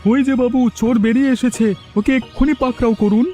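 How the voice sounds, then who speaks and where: A man's voice: very high voice, steady tone, quick pace, music in the background. A man voicing a scheming village informer who talks in an urgent, accusing way.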